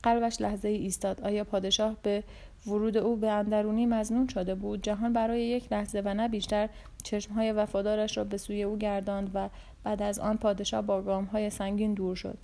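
Woman audiobook narrator, calm and steady, warm mellow tone. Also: medium pitch, creaky. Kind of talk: scripted narration.

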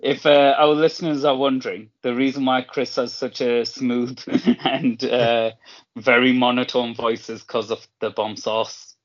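A man's voice: mid-range voice, level tone, unhurried, lo-fi sound. A man co-hosting a casual podcast over a call, joking and easygoing. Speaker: podcast co-host. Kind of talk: casual chat. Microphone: online call mic.

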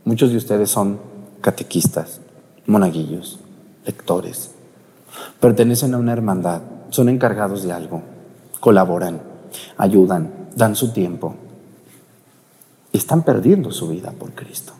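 A middle-aged Mexican-accented priest gives a sermon, telling stories and addressing the congregation directly. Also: male voice, lowish voice, lively intonation, a little slow, long pauses, mellow. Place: church. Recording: reverberant church.

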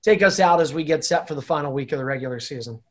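A man's voice: a little high, fast talker, fairly bright tone. Young male podcast co-host, casual, emphatic storyteller.

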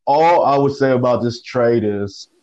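A man co-hosting a sports podcast over a phone line, talking casually with halting restarts and slang. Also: mid-range voice, darkish tone. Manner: halting, repeats words, slangy. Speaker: podcast co-host.

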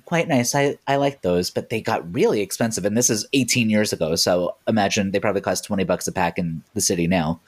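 A man's voice: lowish voice, quick pace, hardly any pauses. A man hosting a podcast in casual chat, rambling with lots of filler words and frequent laughs. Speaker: podcast host.

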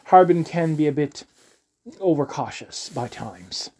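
A man voicing a steady male agent who speaks in a brisk, reassuring way. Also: fairly high pitch.

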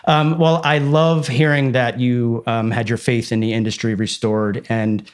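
A man hosting an interview podcast, delivering a polished scripted introduction, then moving into relaxed, joking questions. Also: mid-range voice, unhurried, clean tone. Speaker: podcast host.

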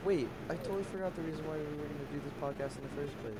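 A man's voice: on the high side, very fast, dark tone, poor audio. A young man co-hosting a podcast, rambling and hesitant, often trailing off mid-thought. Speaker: podcast co-host. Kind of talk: casual chat.

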